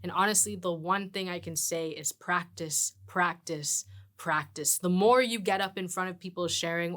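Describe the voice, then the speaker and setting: A woman's voice: mid-range voice, fairly bright tone. A woman who is a performance poet, teaching a masterclass in an earnest, encouraging way. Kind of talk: instructional masterclass talk.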